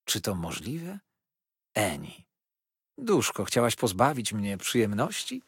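A man voicing a kindly, mild older doctor in an audiobook, gentle in manner. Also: fairly low pitch, wildly swooping pitch, slow, slightly rough, no echo, clean studio sound, exaggerated voice. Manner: gentle, good-natured.

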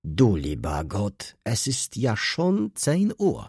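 A man voicing a frail, doting old German grandmother who speaks slowly and softly. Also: on the low side, wildly swooping pitch, slightly rough, no echo, studio quality, exaggerated voice. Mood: fussing. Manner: slow, soft German speech.

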